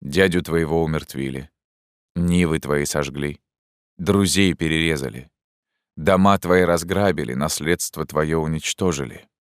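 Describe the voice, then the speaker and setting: A man voicing a noble captive man who speaks quietly with sorrow and resignation. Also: a bass voice, a little slow, clear, resonant tone, no room sound, clean studio sound. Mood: sorrowful.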